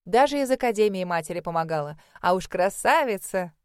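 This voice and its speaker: A hearty middle-aged mother-in-law bustles and exclaims in a loud, raised voice, as a woman narrator puts her on. She fusses over her guests for a storybook audiobook. The sound is close and dry. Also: mid-range voice, lively intonation, brisk, no room sound, natural voice. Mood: boisterous.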